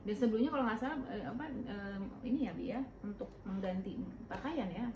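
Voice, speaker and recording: Quick-talking woman co-host. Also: mid-range voice, animated, darkish tone, reverberant, a little hiss or hum. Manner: quick prompting interjections. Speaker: co-host, preacher's wife. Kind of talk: conversational religious talk.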